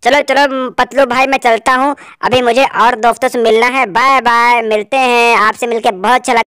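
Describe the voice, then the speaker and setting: Young boy for a toy storybook, excitable and whiny, high and smooth, played by a woman. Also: normal speed, no room sound, studio quality, close to an everyday voice. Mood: excited. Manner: excited, exclamatory.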